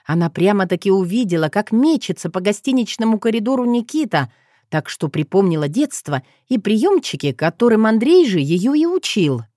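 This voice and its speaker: A woman's voice: mid-range voice, sing-song, normal speed, warm tone, no echo, clean studio sound. A woman narrating an audiobook, reading expressively and voicing the dialogue. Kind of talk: scripted narration.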